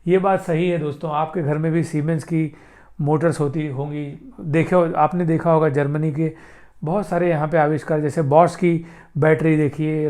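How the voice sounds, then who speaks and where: Male tutor, slightly higher voice, teaching grammar by reading English examples slowly and answering his own questions. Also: a little mellow. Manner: explains by repeating himself, asking questions and answering them; reads English example sentences slowly and deliberately. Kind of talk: Hindi-language grammar lesson.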